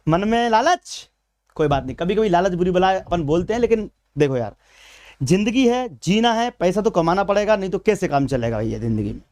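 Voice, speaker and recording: Male coaching teacher, Madhya Pradesh Hindi accent, high, clean voice, chatty live-class delivery. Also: darkish tone. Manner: chatty, addresses viewers as beta and bhaiya. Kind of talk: live exam-prep class.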